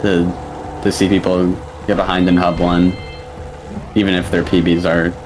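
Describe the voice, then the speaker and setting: A man's voice: low-pitched, flat delivery, moderate pace, noisy background. A young man giving casual commentary on a video game speedrun race.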